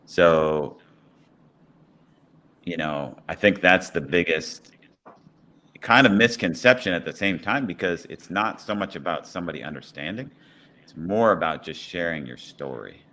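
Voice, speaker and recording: Low-voiced guy, cop on a podcast, talks it through slow and thoughtful, lots of "you know", bright forward tone. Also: lively intonation. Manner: reflective, leans on "you know". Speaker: police officer guest. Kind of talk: casual podcast conversation.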